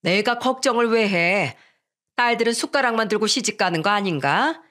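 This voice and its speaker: A woman's voice: medium pitch, expressive, moderate pace, fairly bright tone, natural voice. A woman voicing a brazen, condescending middle-aged future mother-in-law in a narrated radio story.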